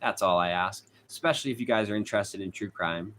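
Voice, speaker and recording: Speaking at a quick pace, this true crime channel host has a fairly low, somewhat bright voice, with a little hiss or hum on the audio. He's a young Bostonian running a laid-back livestream in a hot room at home, reading viewer comments out loud and laughing a lot.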